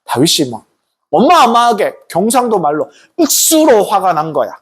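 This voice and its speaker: Animated pastor preaching to teens. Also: medium pitch, normal speed, breathy edge. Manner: animated, asks the kids questions often, tag questions. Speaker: pastor preaching to a youth group. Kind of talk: lively youth sermon storytelling.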